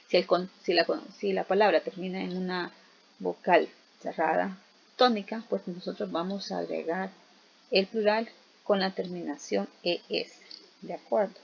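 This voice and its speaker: A woman teacher talks through a grammar lesson, patient and methodical, checking in with rhetorical questions. Her voice has a gravelly edge. The recording sounds dull and a little lo-fi, with faint noise underneath. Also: medium pitch. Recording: dull, slightly noisy recording.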